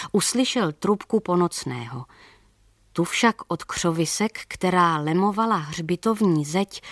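A woman narrating a folk tale in a lively, expressive way. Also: lowish voice, no echo, studio quality.

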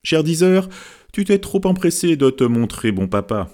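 A man's voice: fairly high pitch, very animated, normal speed, darkish tone, pitched above the performer's own voice. A man reading the lines of a teasing adult man who chides a friend in a wry tone, in an audiobook.

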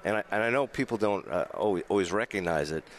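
A man's voice: low-pitched, expressive, fast. A man with a New York accent from the Bronx, a hotel general manager speaking as a radio guest, telling history with frequent stammered restarts.

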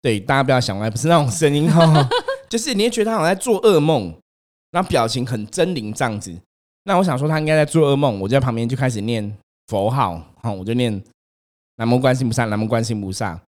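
A young man, hosting a casual chat and telling his own ghost story in an animated way, acting out the voices in it. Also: fast. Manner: animated, acts out quotes, rises in pitch when scared.

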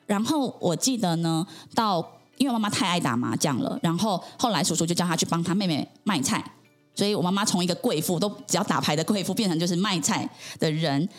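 A woman's voice: fairly low pitch, animated, fairly quick, faint music behind. A woman, a podcast guest earnestly telling her personal story in conversation, with frequent affirming interjections.

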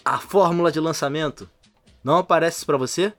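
A man's voice: fairly high pitch, a little fast, soft background music. A man with a Rio de Janeiro accent co-hosting a casual home podcast, slangy, teasing and swearing a lot. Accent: Rio de Janeiro Portuguese. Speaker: podcast co-host. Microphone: home podcast mic.

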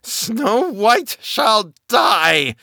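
A man doing a shrill, envious wicked queen. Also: huge pitch swings, unhurried, fairly bright tone, no echo, clean studio sound, exaggerated voice. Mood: gloating. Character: wicked vain queen, middle-aged woman, envious.

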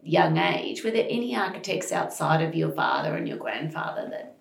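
Woman, podcast host, gravelly low voice; roomy sound, faint music behind. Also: lively intonation, normal speed. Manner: scripted intro then conversational questions. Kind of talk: interview hosting.

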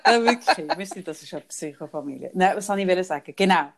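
A woman's voice: fairly low pitch, animated, brisk. A woman in her thirties with a Swiss German accent, co-hosting a podcast in casual chat, teasing and laughing often. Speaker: podcast co-host.

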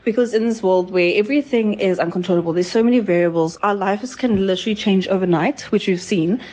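A woman's voice: mid-range voice, quick pace, warm tone. Earnest woman giving a motivational message. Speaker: listener sending a voice message. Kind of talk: recorded monologue.

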